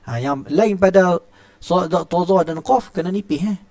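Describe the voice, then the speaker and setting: Speaking at normal speed in a high, slightly mellow voice, a middle-aged man with a Malaysian Malay accent leads a chatty classroom tajwid lesson on Quran recitation rules. He often begins with "ha" and demonstrates sounds, recorded in clean studio sound with no echo.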